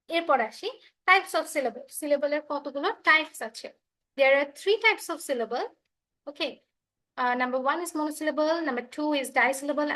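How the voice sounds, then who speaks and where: A woman teacher with a Bengali accent leads an online English class, her voice high and bright. She explains slowly and patiently, repeating each point and mixing English with Bengali, heard through a video call. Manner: slow, repetitive explaining, switching between English and Bengali.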